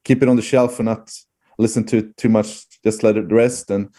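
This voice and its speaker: A man's voice: fairly low pitch, fairly even intonation, brisk, mellow. A man with a Swedish accent chatting casually as an interview guest, hesitant and often searching for words. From Sweden.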